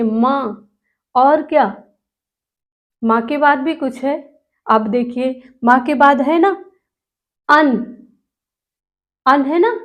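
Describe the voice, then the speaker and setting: A woman teacher with a high voice speaks slowly and patiently. She sounds out each syllable clearly, then puts questions to her students. Her classroom delivery is unhurried and steady. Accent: Hindi. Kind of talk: classroom lesson.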